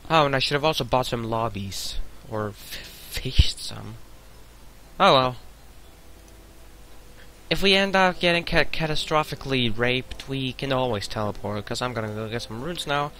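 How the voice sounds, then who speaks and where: A young man commenting on his own gameplay in a casual let's-play, muttering to himself, swearing often and breaking into sudden loud outbursts. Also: medium pitch, moderate pace, slight background noise. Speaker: gamer narrating his play.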